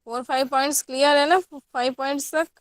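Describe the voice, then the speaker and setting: A woman's voice: high-pitched, fairly even intonation, a little fast, no echo, clean studio sound. A woman with an Indian accent, a college teacher giving a classroom lecture and often asking her students questions. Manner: explains in mixed Hindi and English, asks the class questions.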